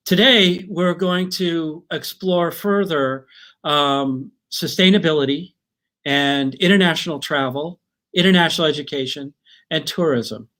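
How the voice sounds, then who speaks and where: Slightly high-voiced male host, hesitant and friendly. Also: a little slow, bright, forceful tone. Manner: friendly, hesitant with many fillers. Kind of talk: event introduction.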